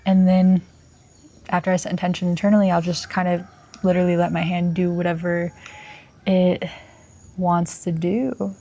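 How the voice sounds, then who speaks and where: A young woman chatting casually while she draws in her journal, relaxed and rambling as she thinks aloud into a close microphone. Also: on the low side, moderate pace, pauses often. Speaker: vlogger. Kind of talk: casual chat while drawing.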